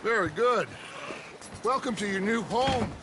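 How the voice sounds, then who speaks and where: An actor playing a theatrical American outlaw gang leader in a video game, pompous, oratorical and mocking. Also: male voice, sits high, lively intonation, unhurried, heavy background noise.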